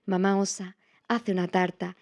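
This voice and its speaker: A woman reading a children's picture book aloud in a slow, expressive, playful way. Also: on the low side. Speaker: storyteller.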